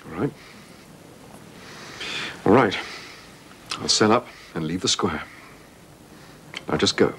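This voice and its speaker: A deep-voiced, curt, cornered man. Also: expressive, takes it slowly, long pauses, fairly bright tone, a little hiss or hum, exaggerated voice. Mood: defensive. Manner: curt and defensive. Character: cornered man refusing to explain himself. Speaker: soap opera character. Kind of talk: broadcast TV drama acting.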